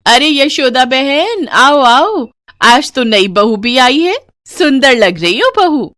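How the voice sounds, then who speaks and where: A woman playing a gushing older neighbor, high loud voice, drawn-out greetings, nosy, dry sound. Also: big pitch swings, no room sound, exaggerated voice.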